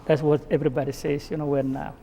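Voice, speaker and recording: A male host interviews his guests, asking questions and adding short acknowledgements. His voice is fairly high and mellow. A long reverb trails behind it. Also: flat delivery, quick pace, gravelly, a little hiss or hum. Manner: asks friendly questions with short backchannels. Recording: reverberant room.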